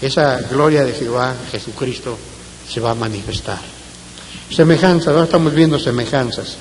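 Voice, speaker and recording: A man preaching a Bible-study sermon, reading scripture aloud in a measured way and letting his phrase endings fall away softly. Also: medium pitch. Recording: long reverb with faint hiss.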